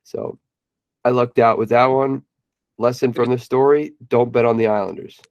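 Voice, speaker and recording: A young man co-hosting a casual podcast, bantering and teasing his friend with quick laughs. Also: medium pitch, steady tone, vocal fry, no room sound, dull audio. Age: young adult. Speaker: podcast co-host. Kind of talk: casual chat.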